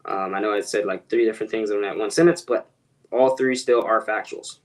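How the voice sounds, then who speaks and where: A man's voice: lowish voice, fairly quick, low-quality recording. A man talking casually to his viewers as he makes real estate cold calls, rambling and correcting himself as he goes. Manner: rambling, self-correcting, addresses viewers directly. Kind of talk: casual vlog talk to viewers.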